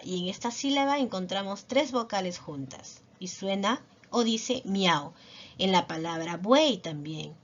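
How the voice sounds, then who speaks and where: A woman teacher giving a recorded lesson, explaining slowly and patiently and checking in with little tag questions. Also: mid-range voice. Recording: dull lo-fi voice recording.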